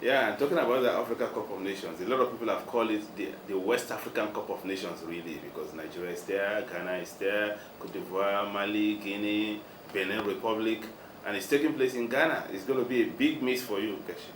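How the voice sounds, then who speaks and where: A man working as a sports journalist, asking measured, leading interview questions. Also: lowish voice. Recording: roomy with noticeable background noise.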